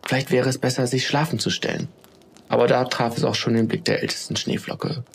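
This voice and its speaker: A man narrating a children's bedtime story in a calm, steady storytelling manner. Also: mid-range voice, brisk, vocal fry, slight background noise.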